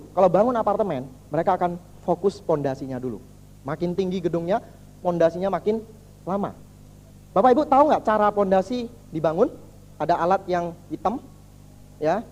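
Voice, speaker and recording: A man speaking as a motivational business speaker, telling an animated story to his audience and acting out the characters. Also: high voice, long reverb tail. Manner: animated, addresses audience as Bapak Ibu, acts out characters.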